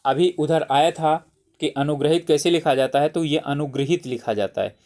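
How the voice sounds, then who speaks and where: A man's voice: a little high, normal speed, darkish tone. Man tutoring, patient and repetitive. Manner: patient, repeats words and checks with "ठीक है". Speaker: Hindi exam tutor. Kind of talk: explaining exam spelling questions.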